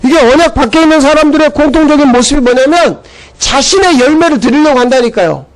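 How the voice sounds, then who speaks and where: A man's voice: extremely high pitch, animated, fast, low-quality recording. A man pastor preaching a sermon, emphatic and full of rhetorical questions, telling stories to make his point.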